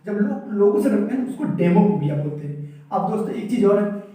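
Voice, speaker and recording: In a strongly echoing room, a high-pitched man sits well away from the mic and teaches a vocabulary lesson. He explains each word, then asks the viewer to repeat it. His intonation is lively, his pace a little fast, his tone dark.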